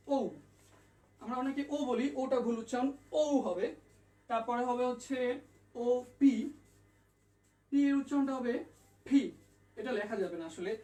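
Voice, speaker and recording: A man's voice: extremely high pitch, warm tone. A man teaching an online language lesson, patiently repeating and spelling out each letter sound. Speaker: English tutor. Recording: echoey room, mic at a distance.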